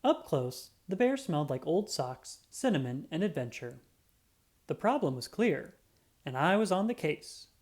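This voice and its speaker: An unhurried narrator at medium pitch reads a kids' picture book in character as a self-important cat detective. The performance is expressive and dramatic, and sound effects are acted out.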